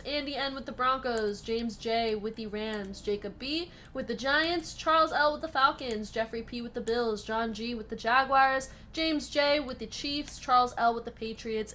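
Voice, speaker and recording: A woman hosting a live sports card break, chatty and upbeat, reading out names and teams in quick lists and answering viewer comments. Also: a little high, a bit bright, slight background noise. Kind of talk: casual live-stream chat while opening card packs.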